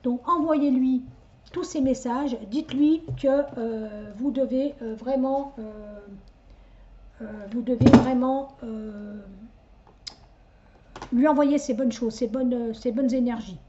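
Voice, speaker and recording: Rambling middle-aged woman medium, mellow voice. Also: high-pitched, takes it slowly, muffled recording, slight background noise. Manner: rambling, many hesitations and stuttered restarts; talks directly to the listener, chatty and insistent. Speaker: psychic medium. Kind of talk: casual spoken reading to viewers.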